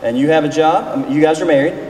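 A man in his forties, voice slightly high, mellow, and quick, preaches informally as a pastor leading a seminar session, folksy and chatty as he questions the group before him. He's in a large reverberant room, and the recording sounds distant, echoey, and noisy.

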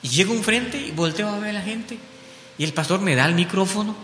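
A man from Belize speaks briskly in a high voice, giving an earnest testimony in church and telling his story with frequent tag questions. The hall is echoey, with soft music playing.

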